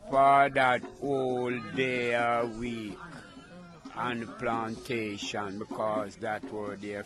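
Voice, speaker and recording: Jamaican man, very slow delivery, mid-pitched, Rasta speech, informal history telling. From Trench Town, Jamaica. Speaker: interviewee.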